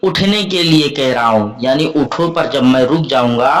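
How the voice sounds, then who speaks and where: A man's voice: medium pitch, normal speed. A man teaching a lesson on Quran reading, explaining each point patiently and rephrasing it again and again.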